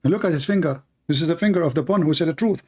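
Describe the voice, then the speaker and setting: Talking very fast in a slightly rough, somewhat high voice, a religious debate host presents polemical commentary. His first language is Arabic, and his English is emphatic, repetitive and non-native in its phrasing.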